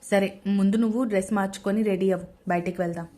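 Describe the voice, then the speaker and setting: A woman's voice: mid-range voice, fairly even intonation, fast talker, mellow, natural voice. Woman doing a pleading young husband. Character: young husband caught between wife and mother.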